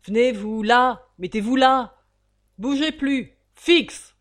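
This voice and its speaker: A woman voicing a gruff, bossy male prison guard who barks out orders. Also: a little high, takes it slowly, pitched above the performer's own voice. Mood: barking. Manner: shouted barked orders.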